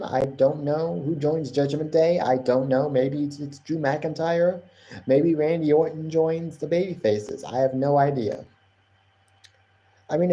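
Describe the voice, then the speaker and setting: A man's voice: medium pitch, mellow, dull audio. A man hosting a wrestling podcast live stream, rambling casually and often repeating and correcting himself.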